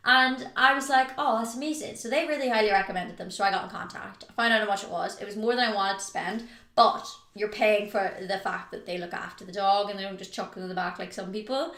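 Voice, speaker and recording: A woman's voice: medium pitch, fairly even intonation, fast, a bit bright. A woman hosting a casual livestream, telling a rambling story full of "like" and answering viewer chat as she goes. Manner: chatty, rambling, heavy use of "like". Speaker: livestream host. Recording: roomy echo.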